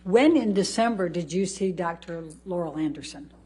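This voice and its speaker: A woman lawyer putting formal, deliberate questions to a witness in a courtroom recording. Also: on the low side, expressive, dark tone, slightly rough. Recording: courtroom recording with faint hum and noise.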